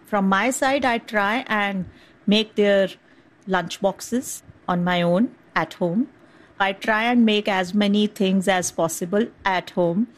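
A woman doctor speaking at an ordinary pitch, explaining things step by step. She pauses and hesitates now and then as she talks. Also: low-quality recording. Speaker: doctor, interviewee.

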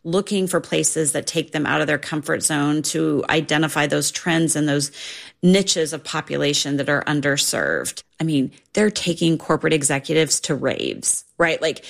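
A woman with a low voice and a gravelly edge, talking about the industry in a chatty, animated way. She leans heavily on fillers like "like" and "right?". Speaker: industry commentator. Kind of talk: casual interview.

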